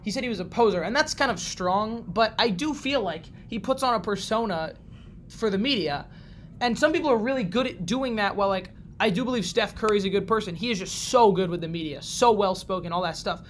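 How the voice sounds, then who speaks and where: A man's voice: high-pitched, animated, a little hiss or hum. A man co-hosting a sports podcast, giving his picks in a casual, opinionated chat. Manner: opinionated, quick to pick sides. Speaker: podcast co-host.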